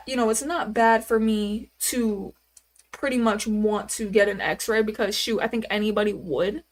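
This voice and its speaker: A woman in her twenties chatting casually on a live stream, rambling and answering viewers' questions with lots of fillers. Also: on the high side. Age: 20s. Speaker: livestreamer.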